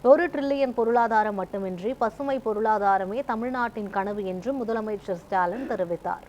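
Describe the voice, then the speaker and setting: A woman reading a news report in a formal, even newsreader style. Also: mid-range voice, moderate pace, slight background noise. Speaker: news reader. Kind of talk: scripted news narration.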